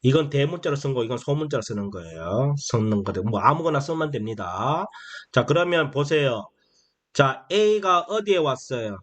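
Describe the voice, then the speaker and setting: A man teaching English phonics to beginners in a slow, explanatory way. He keeps asking questions and answering them himself, and he drags out the key phrases. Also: mid-range voice, animated, a bit bright. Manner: repetitive, asks and answers his own questions; drawls key phrases slowly.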